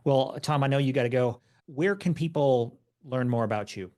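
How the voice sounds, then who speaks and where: A man's voice: medium pitch, normal speed, a little mellow. A man hosting a podcast interview, agreeable and upbeat, with a joking manner. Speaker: podcast host. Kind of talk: conversational interview.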